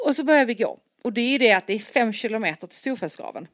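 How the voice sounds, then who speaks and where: A woman's voice: on the high side, dry recording, studio quality. A young woman in casual chat, telling a long story with energy and acting out the dialogue. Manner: animated, acts out quoted dialogue. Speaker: podcast co-host telling a story.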